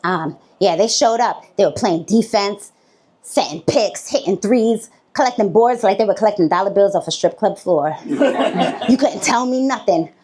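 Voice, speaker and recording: A woman's voice: mid-range voice, normal speed, darkish tone. A woman performing a stand-up comedy set on stage, telling a story and laughing between her lines. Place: comedy stage before a live audience.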